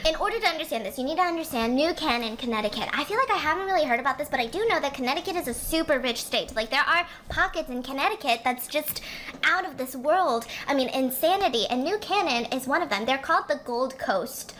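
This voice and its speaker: Brief: a woman vlogger with a high voice, chatty and rambling, telling a true-crime story over a faint hum. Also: expressive, fast, fairly bright tone. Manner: chatty, rambling, with fillers and asides. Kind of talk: casual chat while eating, then storytelling.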